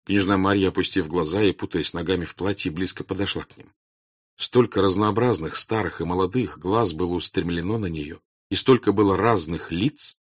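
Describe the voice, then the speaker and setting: A man reading a classic novel aloud as an audiobook narrator, calm and even. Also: low-pitched, no echo, lo-fi sound. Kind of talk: scripted narration.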